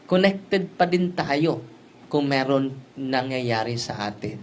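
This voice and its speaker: A man's voice: mid-range voice, lively intonation, slow pace, a little hiss or hum. A man, a priest telling a story in a sermon and often ending his sentences with a questioning "no?". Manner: storytelling, with frequent "no?" tag questions.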